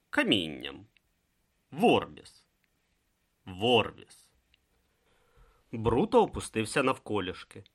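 An audiobook narrator reading with dramatic, expressive delivery. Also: medium pitch.

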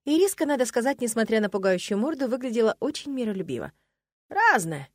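Woman reading a fantasy novel, first person, lively, very dry close sound. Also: fairly high pitch, fast, no room sound. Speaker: audiobook narrator. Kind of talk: first-person fiction narration.

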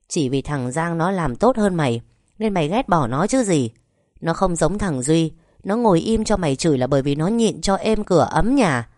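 A woman voicing a hot-tempered older mother-in-law who shouts and curses at her relatives. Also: fairly low pitch, dry recording, studio quality, close to an everyday voice. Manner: shouting, cursing, bossy.

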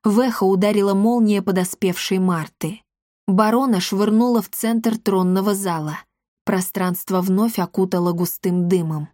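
Female audiobook narrator, expressive fantasy storytelling, mid-pitched, close dry sound. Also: dry recording. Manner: expressive reading, shifts voice for characters' shouts.

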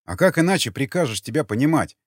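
A man reading the lines of a weary, bitter father in an audiobook, with an animated pitch and a dry close sound. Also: fast talker, dry recording. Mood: curt. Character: weary grieving father, a stern settlement man.

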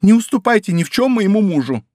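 A man's voice: very animated, fast talker, darkish tone, dry recording. A man voicing a miserly, lovestruck middle-aged prosecutor's wife who pleads and scolds. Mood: eager. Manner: pleading, shrill, emotional.

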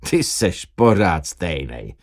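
A man's voice: low-pitched, very animated, darkish tone, no room sound, clean studio sound, pitched below the performer's own voice, full character voice. Man doing wry, teasing young man.

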